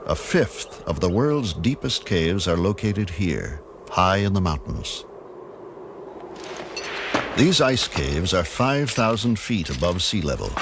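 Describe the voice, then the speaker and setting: A man reading scripted nature documentary narration in a measured, dramatic storytelling manner. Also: deep voice, sing-song, noisy background. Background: music.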